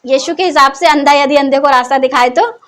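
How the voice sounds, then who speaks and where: A woman's voice: sits high, fairly quick, fairly bright tone. A woman giving a conversational Bible teaching, who keeps putting questions to her listeners and then answering them herself, in a scolding teacher's tone. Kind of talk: Hindi Bible teaching talk.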